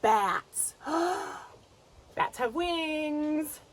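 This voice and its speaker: A woman with a fairly high, bouncy voice that swoops up and down as she teaches young children. She speaks slowly and plainly, playfully addressing the kids at home as she leads them through the lesson. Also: slight background noise, low-quality recording. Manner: animated, playful, talks directly to children. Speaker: children's educator and show host.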